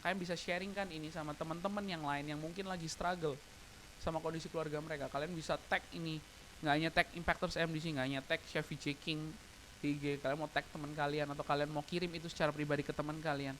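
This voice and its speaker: Slangy young preacher, fairly high voice. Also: male voice, level tone, quick pace, a bit bright, slight background noise, low-quality recording. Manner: slangy, personal and emotional, mixing in English phrases. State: tearful at times. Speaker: youth pastor. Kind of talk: casual youth sermon. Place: online church service.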